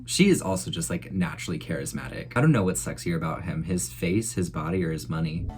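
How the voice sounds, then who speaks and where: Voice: low voice, expressive, quick pace, a little mellow, soft background music. A reaction host with a campy, sassy, slangy way of talking, giving casual commentary on a film.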